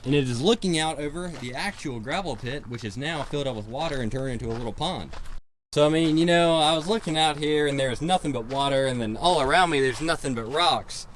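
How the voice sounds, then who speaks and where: A man's voice: fairly high pitch, a little fast, fairly bright tone, low-quality recording. A man narrating a casual exploration vlog outdoors, curious and folksy as he points things out. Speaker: explorer vlogger. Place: outdoors at an open gravel pit pond. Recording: outdoor location audio with clear background noise.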